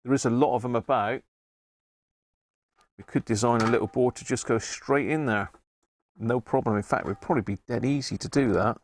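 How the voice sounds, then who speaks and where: Speaking at medium pitch and a little fast, this livestream host leaves long pauses while he works. There's slight background noise as he chats and thinks aloud at his indoor electronics bench.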